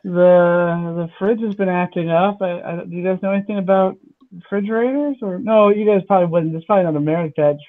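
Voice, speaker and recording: Game master, slightly high voice, hesitant descriptions, dull lo-fi recording. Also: male voice. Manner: halting descriptions with fillers. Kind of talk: tabletop role-play.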